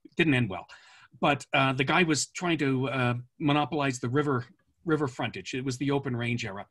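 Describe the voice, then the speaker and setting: A man with a husky, slightly rough voice spins long, rambling anecdotes as an interview guest. He pauses often with "uh" and "um" and restarts his sentences, but keeps a relaxed storytelling flow at an ordinary pitch. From born in France, raised in Canada. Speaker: author guest.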